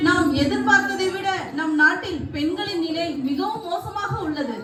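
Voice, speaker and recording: A woman's voice: extremely high pitch, moderate pace, recorded from a distance, music in the background. A woman playing a devoted minister in a Tamil street-theatre play, speaking in respectful, formal tones. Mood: earnest. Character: loyal devoted female minister to the queen. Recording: roomy outdoor stage recording from afar.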